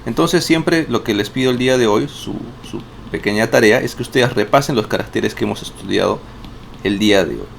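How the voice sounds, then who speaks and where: A man's voice: medium pitch, expressive, a little fast, vocal fry. A man teaching a casual online lesson, chatty, often restarting words and checking in with tag questions. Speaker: Mandarin teacher. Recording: faint background noise.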